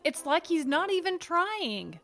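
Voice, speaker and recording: A woman's voice: extremely high pitch, big pitch swings, a little slow, fairly bright tone, faint music behind, heavily acted. A woman voicing a wry, skeptical young woman in a cartoon, with a dry, sarcastic manner.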